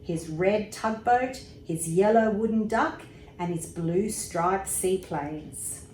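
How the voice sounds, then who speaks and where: Reading a children's bedtime story at a leisurely pace, an emergency services commissioner speaks expressively and pauses for small comments on the illustrations. Her voice is medium-pitched, and the room adds clear echo with a faint hiss behind it.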